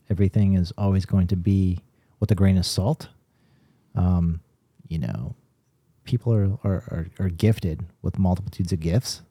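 Low dark-voiced man, measured podcast talk. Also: slightly rough, no echo. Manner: measured, explanatory, with filler restarts. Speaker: podcast co-host, paranormal investigator. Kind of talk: casual chat.

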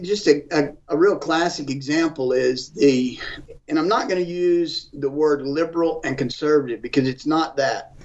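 Impassioned preacherly man, distant lo-fi sound. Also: on the high side. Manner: forceful, preacherly, repeats phrases for emphasis. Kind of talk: impassioned talk-show commentary. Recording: distant, dull lo-fi audio.

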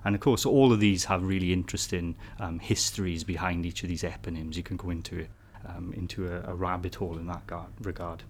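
Low-voiced male co-host, relaxed and chatty, keeps asking "isn't it?". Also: brisk, few pauses, a little hiss or hum. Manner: chatty, asks rhetorical tag questions. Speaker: podcast co-host. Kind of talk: casual educational chat.

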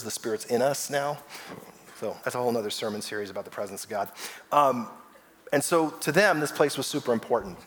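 A man's voice: mid-range voice, a little hiss or hum. A man, a lead pastor, preaching a sermon in a conversational way and acting out the voices in the story. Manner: grows loud and emotional telling his own story.

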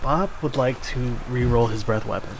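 A man's voice: medium pitch, normal speed, noisy background. A man talking casually and with swearing as a player in a tabletop role-playing game. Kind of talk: casual, profane gaming chat.

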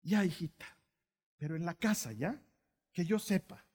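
A man voicing a lax, easygoing mother who talks softly and coaxingly. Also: high voice, animated, moderate pace, breathy edge. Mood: indulgent. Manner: soft, coaxing. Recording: echoey hall.

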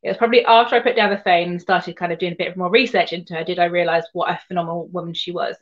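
A woman's voice: on the low side, little pitch movement, rapid-fire, lo-fi sound. A woman from Surrey with a southern English home counties accent, telling her story conversationally as an interview guest, rambling and rephrasing as she goes. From Surrey, England. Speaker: guest, equine sports massage therapist.

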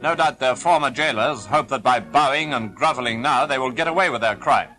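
A man's voice: mid-range voice, brisk, loud music behind the voice, rough recording. A man narrating an old 1940s newsreel in a formal, stern, declaiming manner, played back from an archive soundtrack. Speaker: newsreel announcer.

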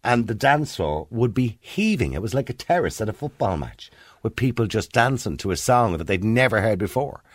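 A man's voice: fairly low pitch, sing-song, moderate pace, dry recording, studio quality. A middle-aged man with an Irish accent hosting a radio phone-in, reminiscing in a conversational, opinionated way with many digressions. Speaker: radio phone-in host, former DJ. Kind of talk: casual radio talk, reminiscing. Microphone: close studio microphone.

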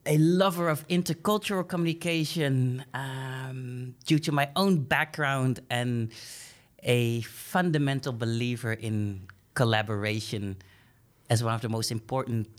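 A man's voice: medium pitch, measured pace. Reflective Dutch-raised man. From Netherlands. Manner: reflective, many fillers and restarts. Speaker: guest. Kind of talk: podcast interview.

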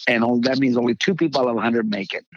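Halting older man telling his story. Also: mid-range voice, no room sound, dull audio. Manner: halting storyteller, acts out quoted voices. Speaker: pastor, guest. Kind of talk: personal testimony in conversation.

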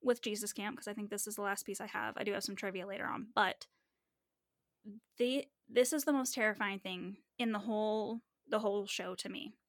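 A woman co-hosting a podcast in casual chat, animated and swearing freely. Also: medium pitch, brisk, no echo, studio quality. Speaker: podcast co-host.

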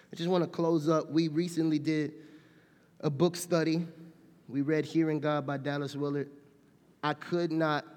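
A middle-aged man preaching a conversational sermon, dropping quiet and then rising loud and animated. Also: a little high. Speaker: pastor. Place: church sanctuary. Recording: long hall reverb in a church.

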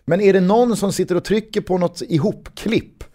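A man's voice: sits high, warm tone. A man co-hosting a football podcast in casual, informal chat with the odd mild swear word. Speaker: podcast co-host.

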